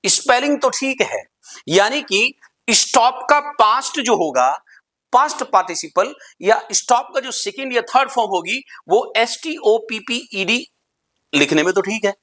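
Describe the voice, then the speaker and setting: A man's voice: high voice, expressive, moderate pace, bright, forceful tone. A man teaching English pronunciation in a lesson. He asks questions, answers them himself, and spells words out letter by letter. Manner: repeats rules for emphasis.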